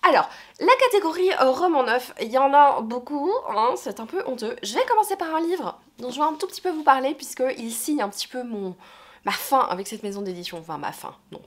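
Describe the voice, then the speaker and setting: A woman's voice: high-pitched, lively intonation, brisk. A young woman with a cold and a stuffy voice, chatting hesitantly about her book purchases in a casual vlog. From Belgium. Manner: chatty, hesitant, many fillers and self-corrections. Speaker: book vlogger.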